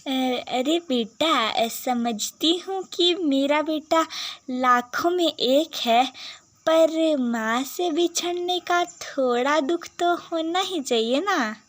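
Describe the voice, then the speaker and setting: A proper, mildly reproving mother-in-law from an animated story, voiced by a woman. She speaks in a high voice, very slowly and deliberately. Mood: consoling.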